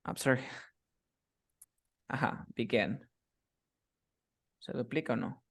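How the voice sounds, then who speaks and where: A man's voice: medium pitch, takes it slowly, vocal fry, fairly bright tone. A man teaching English grammar in a one-on-one class, explaining rules step by step and checking often that his student follows. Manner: patient, keeps checking understanding with short questions.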